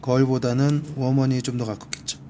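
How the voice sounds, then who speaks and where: A man's voice: mid-range voice, level tone, a little fast, mellow, slight background noise. A man teaching a one-on-one Spanish grammar lesson, patiently repeating each word for practice. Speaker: Spanish tutor. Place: library.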